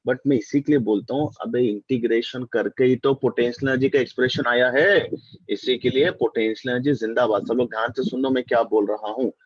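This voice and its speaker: Husky-voiced man teaching a physics class. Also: mid-range voice, fairly quick, no echo. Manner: mixes Hindi and English, quizzes students often. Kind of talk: online class lecture. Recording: dull dry lo-fi mic.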